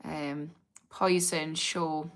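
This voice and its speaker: An English woman with a Geordie accent and a slightly posh twang chats candidly on a casual livestream, working as an addiction therapist who reads and answers viewer comments. Her low voice stays level and very slow, with a fairly bright tone.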